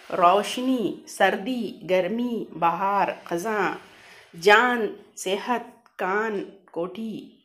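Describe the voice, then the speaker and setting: A woman teacher talks to young pupils in a grammar lesson. She reads word pairs one by one at a measured pace, then explains in quicker, plain asides. Her pitch sits in the middle for a woman. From India. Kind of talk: reading a grammar lesson to children.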